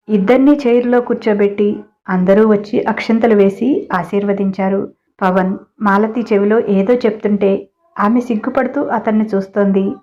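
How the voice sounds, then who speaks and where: A woman reading a family drama story aloud, giving the dialogue a light voice of its own. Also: medium pitch. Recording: dull lo-fi audio.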